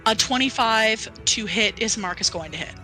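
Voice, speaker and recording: A woman's voice: on the high side, moderate pace, sharp tone. A woman game master narrating a tabletop game in a casual, playful, colloquial and sweary way. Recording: music playing behind the voice.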